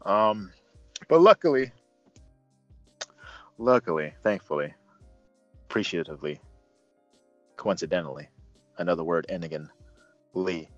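A co-host of a film review show chats casually about a movie, gushing enthusiastically with emphatic repetition. His low, expressive voice moves at a measured pace with long pauses, and the lo-fi recording sounds dull and roomy, with music behind it.

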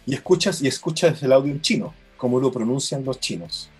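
A man's voice: mid-range voice, animated, brisk, darkish tone, breathy edge, soft background music. A man, an app co-founder, patiently explaining how a product works in a demo.

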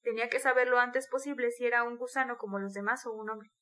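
A woman's voice: a little high, level tone, quick pace, a bit bright, lightly acted. A woman reading the part of a brooding, tormented young male student in an intense, bitter confession.

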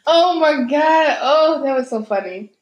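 A woman co-hosting a podcast, teasing her partner and breaking into laughter. Her pitch sits a bit high and jumps around a lot. The room gives her voice a noticeable echo. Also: lively intonation, a little slow. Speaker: podcast co-host. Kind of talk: casual chat.

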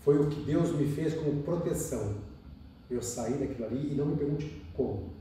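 A man with a Brazilian Portuguese accent telling his life story as a podcast guest, animated and repeating phrases for emphasis. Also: mid-range voice, a little hiss or hum. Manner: rapid, animated, repeats phrases and acts out dialogue. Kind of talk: emotional personal storytelling in conversation. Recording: echoey room, distant mic.

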